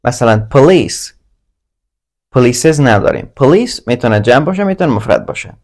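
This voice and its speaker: A male teacher gives a grammar lesson, his voice moving lively up and down at an ordinary middle pitch. He sounds out English example words slowly and carefully, one pair at a time. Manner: slow, deliberate reading of English example words in pairs.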